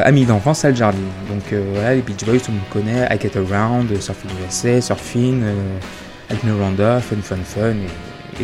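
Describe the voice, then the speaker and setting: A man hosting a casual music chronicle, talking with frequent fillers and restarts. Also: medium pitch. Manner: hesitant, many fillers and restarts. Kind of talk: casual spoken music review. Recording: music playing behind the voice.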